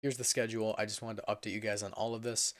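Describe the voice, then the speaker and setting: A young man with a hoarse voice that is giving out from being sick, giving a casual, rambling update as a gaming channel host. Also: lowish voice, flat delivery, quick pace, no room sound. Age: young adult. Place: indoor room at a computer.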